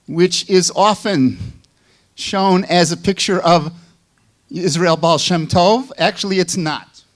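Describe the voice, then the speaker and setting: An older man with a Chicago accent giving a measured academic lecture, with small asides. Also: high voice. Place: lecture hall.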